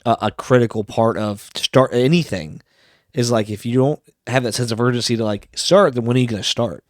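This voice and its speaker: A man's voice: medium pitch, a little fast, no room sound, studio quality. A man co-hosting a casual business podcast, talking in a rambling way with many restarts and fillers. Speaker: podcast co-host.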